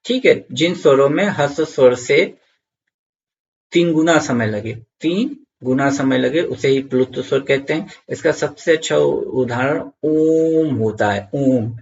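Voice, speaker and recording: A man's voice: medium pitch, a little slow, vocal fry, dull audio. A man teaching an online grammar lesson for exam students, repeating key points and checking in with viewers.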